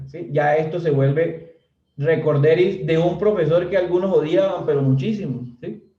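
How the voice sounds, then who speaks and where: Chatty lecturer in an echoey room. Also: male voice, a little high, recorded from a distance. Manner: chatty, constantly checks understanding with "¿sí?", jokes with students. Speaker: civil engineering instructor. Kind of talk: casual recorded lecture. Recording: dull, roomy audio from off mic.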